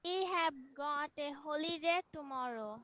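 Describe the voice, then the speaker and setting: A female student answering grammar questions in an online class, reading slowly and carefully word by word. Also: high-pitched, a bit bright, lo-fi sound. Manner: slow, careful, reads word by word.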